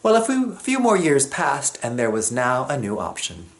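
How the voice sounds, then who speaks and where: This is a man from Jamaica performing a personal story on stage, animated and mimicking what others said. His voice is mid-range and his speed normal.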